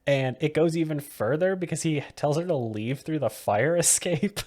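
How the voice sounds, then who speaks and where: A man's voice: a little high, normal speed, darkish tone. A man co-hosting a casual movie-review podcast, who laughs often as he talks. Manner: giggly, laughs often mid-sentence. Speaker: podcast co-host.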